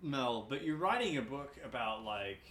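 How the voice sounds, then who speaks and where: A man's voice: mid-range voice, expressive, a bit bright, a little hiss or hum. A man co-hosting a casual book-discussion podcast, wry and sarcastic. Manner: wry, sarcastic, bursts of quick talk. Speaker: podcast co-host.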